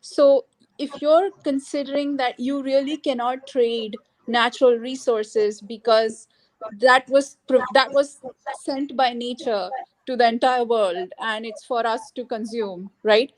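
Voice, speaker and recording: Guest, female, high voice, half Indian half American accent, unhurried and explanatory. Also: steady tone. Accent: mixed Indian and American English. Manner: thoughtful, explanatory. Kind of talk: casual discussion, Hindi-English mix.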